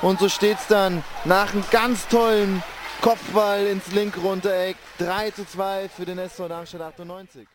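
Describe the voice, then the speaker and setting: A man doing live football commentary as a club reporter, excited and breaking into screamed goal cries. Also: high-pitched, normal speed, crowd noise. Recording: outdoor stadium ambience noise.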